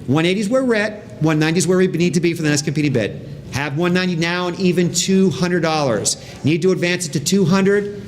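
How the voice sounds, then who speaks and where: A man's voice: high voice, fast, slight background noise. A man working as an auctioneer, calling bids in a live auction with repeating patter.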